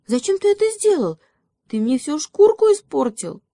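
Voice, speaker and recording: A woman squeaking as a timid little mouse. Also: sing-song, moderate pace, mellow, no room sound, clean studio sound. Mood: alarmed. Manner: high, plaintive squeaking.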